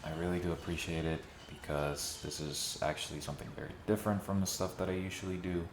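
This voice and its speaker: Man, very deep voice, casual commentary, echoey reverb of a bare empty room, faint background hiss. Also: fairly even intonation, fast. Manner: conversational, dryly sarcastic at times. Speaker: video essayist. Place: mostly empty room in a new home.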